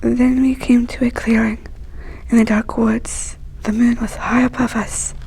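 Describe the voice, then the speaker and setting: Breathy, husky woman reading a story slowly. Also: a little high, little pitch movement, a little mellow, rough recording. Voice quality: breathy, whispery. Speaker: storyteller reading a picture book aloud. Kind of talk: slow, hushed read-aloud storytelling.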